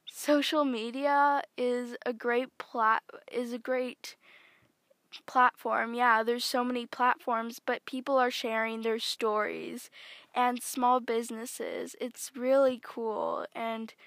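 A woman's voice: a little high, fairly bright tone, dry recording. A teenage girl hosting her own podcast, talking casually in a rambling, chatty way with lots of fillers and self-corrections, close to her microphone. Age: teens. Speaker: podcast host. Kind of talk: casual solo podcast monologue.

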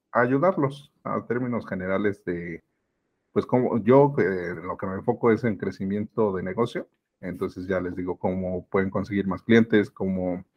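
A low-pitched male voice with the highs cut off, belonging to a Mexico City man with a Mexican Spanish accent. He's a business mentor appearing as a podcast guest, chatting casually in a reflective, hesitant way full of fillers.

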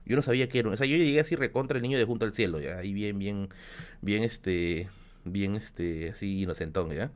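A man's voice: fairly low pitch, brisk. A man tells stories to his live-stream chat. He rambles, restarts his sentences and keeps checking in with his viewers. He is getting over a bad flu. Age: 30s. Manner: rambling, many restarts and filler "¿ya?". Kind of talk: casual storytelling on a live stream.

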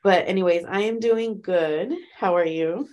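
A woman's voice: on the low side, unhurried. A woman co-hosting a podcast in casual chat, laughing easily and talking with many fillers over a remote call. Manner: relaxed, laughing, full of fillers. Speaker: podcast co-host.

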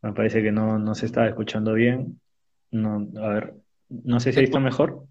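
A male interviewer asking short, direct questions in a quick question round, heard through a dull, choppy online call with a weak connection. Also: on the low side, fairly even intonation, darkish tone. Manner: brief, direct questions with filler pauses. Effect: choppy, dull sound over a weak online call connection. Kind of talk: rapid-fire question round over a video call. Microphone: remote call audio.

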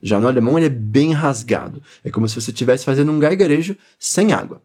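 A man with a Brazilian Portuguese accent leading a pronunciation lesson, encouraging learners and modelling words slowly for them to repeat. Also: mid-range voice, lively intonation, mellow. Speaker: language teacher.

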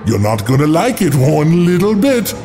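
A man's voice: a little high, sing-song, normal speed, mellow, roomy sound, big-room sound, faint music behind. Taunting theatrical horror host, man. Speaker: host, the librarian.

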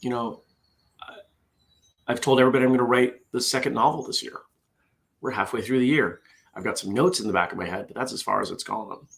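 A man's voice: mid-range voice, a little fast, gravelly, long pauses, fairly bright tone. A middle-aged man hosts a casual morning show, chatty and self-deprecating as he reads out corny puns. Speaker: host. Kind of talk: casual morning show chat, reading jokes.

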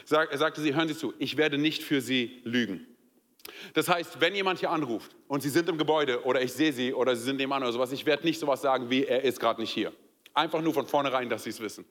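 A young man from Germany preaching a sermon in a lively, conversational way, full of fillers and direct questions to the listeners. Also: mid-range voice, quick pace. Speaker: pastor. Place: church hall. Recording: long hall reverb.

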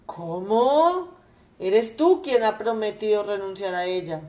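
A woman's voice: medium pitch, expressive, slow, darkish tone. A woman voicing an old miserly father who rages and wails over his lost money, in shrieking, desperate outbursts. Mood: angry.

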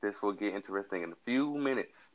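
A young man with a very low, deep voice, speaking in a relaxed, drowsy way late at night. He hedges and takes his time as he co-hosts a loose chat. The sound is dull and lo-fi. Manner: laid-back, hedging, unhurried. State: tired. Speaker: co-host.

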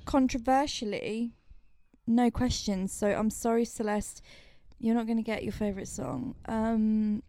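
A woman's voice: fairly high pitch, fairly even intonation, a little slow, warm tone, dry recording. A woman co-hosting a podcast, telling stories in a dramatic, self-mocking casual chat. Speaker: podcast co-host, musician.

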